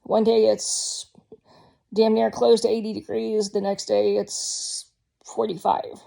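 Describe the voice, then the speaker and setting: A woman's voice: medium pitch, level tone, slow pace, vocal fry, dark tone. A woman talking candidly in a casual personal vlog, rambling with frequent ums. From Georgia, US. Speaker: vlogger.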